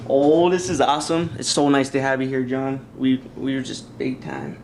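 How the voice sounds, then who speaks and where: A man's voice: medium pitch, normal speed, background noise, lightly acted. A man playing an overexcited wrestling superfan in a mockumentary, gushing in a fanboy way. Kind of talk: mockumentary acting.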